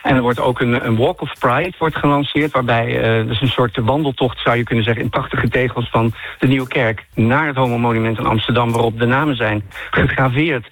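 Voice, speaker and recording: A man's voice: medium pitch, fairly even intonation, fairly quick, few pauses, fairly bright tone. A man with a Netherlands Dutch accent gives a live radio interview from inside a church, his voice ringing with cathedral echo. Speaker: ceremony presenter giving a live interview. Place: inside a large echoing church. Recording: live call from reverberant church.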